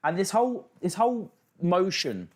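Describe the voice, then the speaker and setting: A man's voice: high voice, sing-song, moderate pace. Sardonic, sweary man livestreaming. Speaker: livestream host. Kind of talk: casual reaction commentary.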